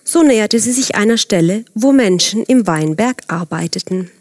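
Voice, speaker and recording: A woman narrating a gentle children's story, speaking calmly and directly to the children and now and then dropping to a soft whisper. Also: mid-range voice, moderate pace, dry recording, clean studio sound.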